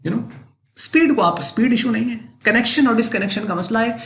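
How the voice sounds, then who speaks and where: A man's voice: very high-pitched, a little fast, a bit bright. A man teaching accounting in a recorded lecture. He keeps asking rhetorical questions and answering them himself, and he repeats each point for emphasis. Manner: emphatic, repetitive explaining.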